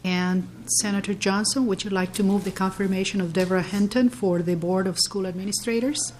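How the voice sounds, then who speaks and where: A woman chairing a legislative committee hearing, speaking haltingly with many fillers and restarts. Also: medium pitch, fairly even intonation, a little mellow, slight background noise.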